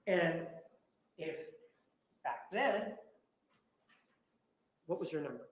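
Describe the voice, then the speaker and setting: A man's voice: on the high side, animated, extremely slow, dull audio. A man prosecuting at a trial, cross-examining a witness with pressing, repetitive, combative questions. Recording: echoey courtroom audio.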